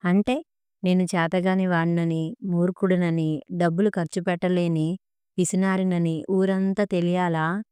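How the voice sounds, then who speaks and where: A woman's voice: fairly low pitch, flat delivery, a little slow, smooth, no room sound, close to an everyday voice. A woman reading the part of an angry, mocking husband in a storybook narration. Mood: scornful. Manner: shouting, mocking. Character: angry scornful husband, a clerk.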